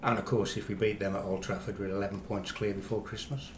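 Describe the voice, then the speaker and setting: A middle-aged chief reporter from Walsall in the West Midlands guests on a podcast, bantering confidently and wryly about football in his local accent. His voice is on the low side with little pitch movement and a quick pace, recorded in an echoey room with faint background noise.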